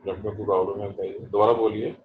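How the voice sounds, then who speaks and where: A man teaching a botany class online, explaining terms slowly and stressing how to pronounce them. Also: fairly low pitch, little pitch movement, echoey room, narrow, tinny audio, slight background noise. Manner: slow, explanatory, stresses pronunciation. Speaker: botany professor. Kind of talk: online lecture.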